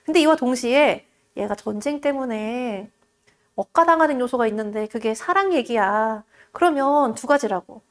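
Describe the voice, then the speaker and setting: A woman teaching Korean literature in an exam-prep lecture, retelling a classic tale in a lively, casual way. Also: fairly high pitch, moderate pace.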